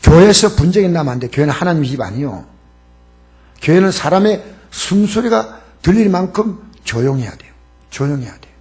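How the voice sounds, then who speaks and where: A man's voice: a little high, sing-song, moderate pace, darkish tone. A man preaching a Sunday sermon as pastor in a church, emphatic and calling on the congregation to repeat after him. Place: church sanctuary.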